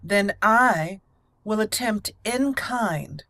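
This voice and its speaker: With a mid-range, expressive voice, fairly bright tone, and drawn-out words, a woman hosts a roleplay game playthrough for her gameplay channel. She's giggly and theatrical, slipping from commentary into in-character speech and back. There's no echo, just faint game music behind her.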